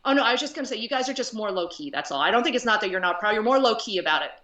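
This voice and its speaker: A woman from Canada, a guest chatting casually on a video call, talkative and quick to laugh. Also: a little high, lively intonation, sharp tone, echoey room, recorded from a distance. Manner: chatty, laughs easily, many fillers.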